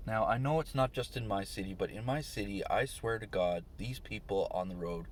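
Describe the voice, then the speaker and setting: A man's voice: on the low side, fairly quick, a little hiss or hum. A man, short on sleep, ranting on his vlog, swearing and irritated. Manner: swearing, ranting, rising to shouts. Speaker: vlogger.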